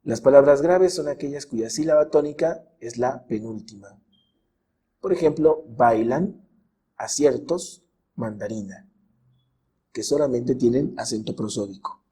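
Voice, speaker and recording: A man narrating a scripted grammar lesson as a teacher, in a measured way, drawing out the example words slowly. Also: medium pitch, warm tone, breathy edge. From Mexico.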